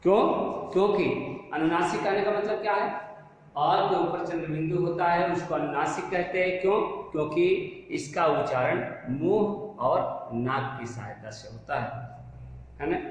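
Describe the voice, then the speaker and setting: A man's voice: on the high side, normal speed. A male teacher giving a grammar lesson to young pupils, asking questions and answering them himself, repeating key words and drawing them out. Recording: echoey room with long reverb.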